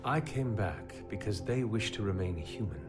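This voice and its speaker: A man plays a solemn subordinate to a king in a game cutscene. His low voice is measured and formal, with loud music underneath. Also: animated, natural voice. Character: solemn, loyal adult male royal subordinate. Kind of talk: video game cutscene acting.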